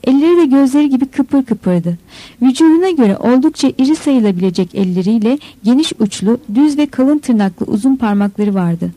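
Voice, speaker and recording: Mellow-voiced woman narrating a novel. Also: a little high, animated, brisk, dry recording, low-quality recording. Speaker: audiobook narrator. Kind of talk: scripted narration.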